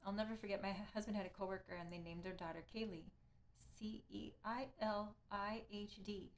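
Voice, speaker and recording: Woman streamer, middle-aged, casual rambling chat with viewers, mid-pitched. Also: steady tone, fairly quick, slight background noise. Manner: chatty and rambling, thanking viewers, trailing off. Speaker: streamer ending a live music stream.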